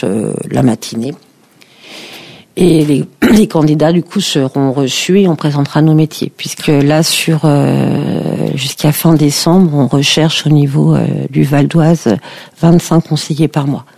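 A woman's voice: deep voice, fairly even intonation, measured pace, creaky, mellow, husky. A woman recruiter as a radio guest, explaining at length with frequent hesitations. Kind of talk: radio interview.

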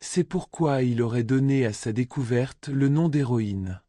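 A man narrating a scripted radio story in a soft, intimate manner, addressing the listener directly. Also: mid-range voice, unhurried.

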